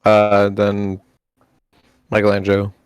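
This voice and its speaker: Male player, lowish voice, dry close sound, rambling casual questions. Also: completely flat delivery, slow pace, clean tone, no room sound. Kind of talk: casual chat in a tabletop game.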